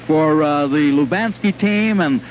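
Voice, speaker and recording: A man's voice: fairly high pitch, a little slow. A man hosting a live sports show on old television, chatting and rambling as he ad-libs. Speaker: television host. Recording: dull, noisy vintage 1950s TV broadcast.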